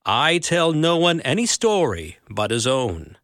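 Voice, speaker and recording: Man doing a vast, calm old lion, deep and slow, dry close sound. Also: no room sound, exaggerated voice. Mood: solemn. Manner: slow, grave and low.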